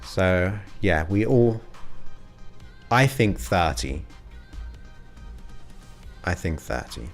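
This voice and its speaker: He's in his forties and hosts a livestream, chatting loosely with live viewers and thanking them by name. His low, gravelly voice swings widely in pitch, with drawn-out words and long pauses, and faint music sits in the background.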